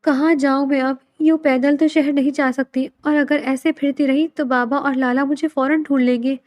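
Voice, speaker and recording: Desperate young woman, tearful and pleading, high voice, read by a woman narrator. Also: fairly even intonation, dry recording, dull audio, lightly acted. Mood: worried.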